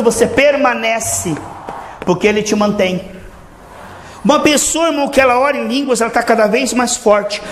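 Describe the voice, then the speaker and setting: A man preaching a sermon, earnest and exhorting, repeatedly addressing his listeners as brothers and stretching out words for emphasis. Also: high voice. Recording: echoey room with faint ambient noise.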